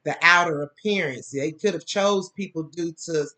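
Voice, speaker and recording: Bright-voiced woman doing a casual tarot reading. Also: moderate pace. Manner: rambling, loose, with many fillers; bursts into laughing, high-pitched mimicry. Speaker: tarot reader.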